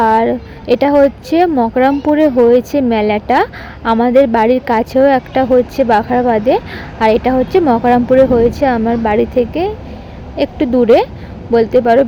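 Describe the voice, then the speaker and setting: A hoarse, soft-spoken woman with a slightly high voice talks casually through a vlog voice-over. She chats straight to her viewers in an easy way. A faint hum of noise sits behind her. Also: muffled recording. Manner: chatty, addresses viewers directly. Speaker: vlogger.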